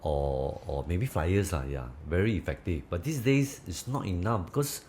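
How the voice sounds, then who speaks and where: A man's voice: low voice, animated, normal speed, darkish tone, slight background noise. A man with a Singaporean accent, chatting casually as a property agent being interviewed, in Manglish-style English full of local particles and slang.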